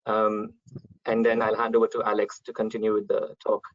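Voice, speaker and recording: Young male webinar host, monotone, casual with fillers, dull dry call audio. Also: fairly low pitch, a little fast, a little hiss or hum. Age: young adult. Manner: relaxed, many ums. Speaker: event host, chairman. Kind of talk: online webinar introduction.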